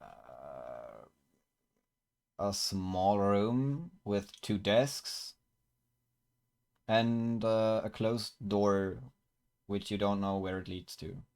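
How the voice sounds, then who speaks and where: Slow, halting game master man. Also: lowish voice, lively intonation, vocal fry, darkish tone. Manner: slow, searching descriptions with many fillers and restarts. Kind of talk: narrating a tabletop game.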